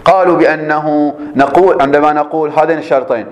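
A man's voice: on the high side, steady tone, fast talker. Man teaching in an echoey room. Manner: explanatory, repeats points and checks understanding. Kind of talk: classroom grammar lesson.

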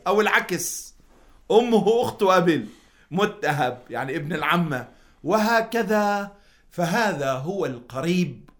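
A man's voice: fairly high pitch, a bit bright. A man speaking as a religious scholar on radio, explaining in a didactic way, restating points with examples and hesitations. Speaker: religious scholar, seminary teacher.

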